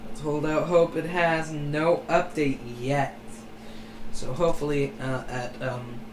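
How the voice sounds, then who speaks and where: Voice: mid-range voice, level tone, takes it slowly, low-quality recording. A person hosting live hurricane coverage, commenting on forecasts in a hesitant way and often correcting their own words. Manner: hesitant, self-correcting delivery. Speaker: livestream host tracking a hurricane. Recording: noticeable background noise.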